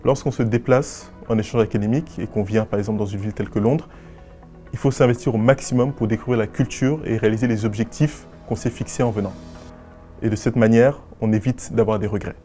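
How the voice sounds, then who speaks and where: A nineteen-year-old man from West and Central Africa speaks in a formal, measured and articulate way, like a student answering prepared interview questions. His voice sits a little low and sounds warm and mellow. Soft music plays faintly behind him. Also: steady tone. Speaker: business school student.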